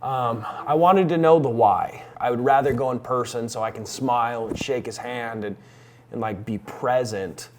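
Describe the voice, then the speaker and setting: A man's voice: mid-range voice, moderate pace, a little mellow, slight background noise. A man talking casually to viewers in a day-in-the-life vlog, like an informal coach explaining his plans. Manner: informal vlogger addressing viewers. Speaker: vlogger and real estate investing coach.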